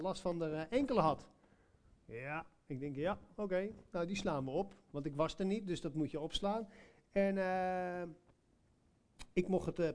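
A man's voice: sits high, a little mellow. A man preaching a sermon, telling a personal story in a conversational way, with many hesitations and direct questions to listeners.

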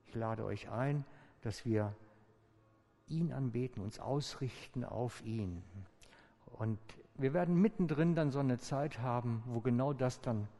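A male pastor with a gravelly, mellow voice preaches in a calm, inviting way, slowing and pausing deliberately. His words ring out with a long reverb in a large church hall. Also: medium pitch. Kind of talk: sermon.

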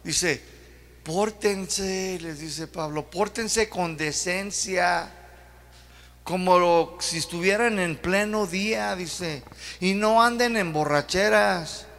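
A gravelly, fairly high-voiced man with a Mexican accent preaches a sermon. He talks in a folksy, drawn-out way and keeps firing rhetorical questions at the congregation. His voice rings with the long reverb of a church hall. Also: a bit bright. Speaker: pastor.

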